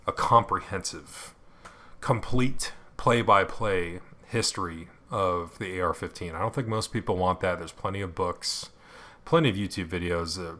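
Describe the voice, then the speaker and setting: Bright-voiced man hosting a podcast. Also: sits low. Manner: explanatory, conversational, with frequent fillers and asides. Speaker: podcast host. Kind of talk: solo podcast monologue.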